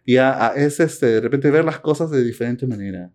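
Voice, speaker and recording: Hombre peruano conversando con calma. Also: male voice, mid-range voice, brisk. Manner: reflective, teasing, with many fillers. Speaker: podcast co-host. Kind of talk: casual conversation.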